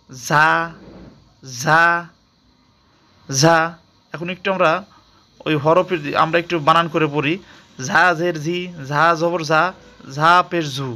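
A man teaching Arabic letters in a patient recitation lesson, repeating each sound slowly and asking and answering his own questions. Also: high voice, bright, forceful tone.

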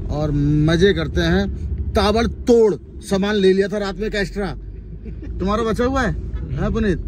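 A man in his thirties chatting to a phone camera while riding in a car on a road trip. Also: on the high side. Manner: chatty, talks to camera while driving and cooking. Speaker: vlogger. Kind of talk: casual travel vlog chat. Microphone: phone at arm's length. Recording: phone audio with loud road and car noise.

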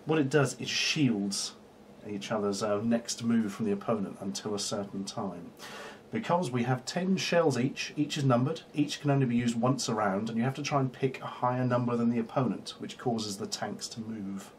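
Dry deadpan man. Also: medium pitch, moderate pace, a little hiss or hum. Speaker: co-host reviewing a board game. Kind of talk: casual comedic chat.

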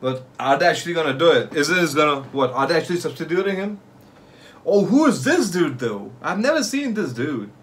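Young adult male reaction host, somewhat high voice, casual street slang, repetitive excitable exclamations and loose swearing. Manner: casual street slang, like "yo", "fam", "bro", "no cap"; repeats short phrases rapidly, swears freely. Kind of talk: excited live reaction commentary. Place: small bedroom or home room, indoors.

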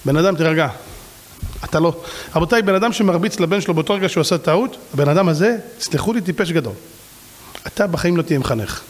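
A man, a rabbi, giving a lively sermon full of rhetorical questions and acted-out quotes. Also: fairly high pitch, a little hiss or hum.

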